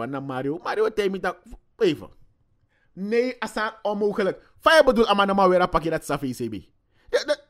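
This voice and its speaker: A man with a Surinamese Dutch accent giving animated, joking commentary on newspaper cartoons, slipping into Sranan and English. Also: high voice. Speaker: satirical commentator.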